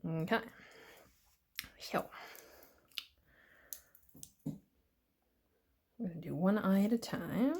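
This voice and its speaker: Slow, playful Canadian woman hosting. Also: medium pitch, darkish tone, husky. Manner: chatty and playful, jokes and silly sounds. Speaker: nail art channel host. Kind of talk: casual tutorial chat.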